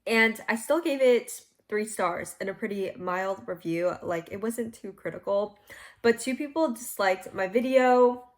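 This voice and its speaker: A young woman hosting a casual book review vlog from her bed at home, chatty and laughing at her own slips. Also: medium pitch. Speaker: book vlogger.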